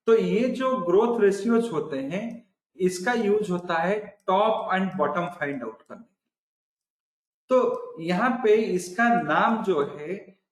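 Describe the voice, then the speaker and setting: A man's voice: high voice, reverberant, rough recording. A man giving a recorded online trading lesson, explaining step by step and often restating his points. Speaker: trading instructor.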